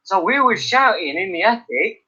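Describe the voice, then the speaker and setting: A man chats on a live stream from his attic. His voice sits high and bright, and he tells stories with lots of laughter and swearing. The audio is dull and lo-fi. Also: normal speed, husky. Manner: animated storyteller, swears freely, laughs. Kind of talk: casual chat. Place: indoors by an open attic window.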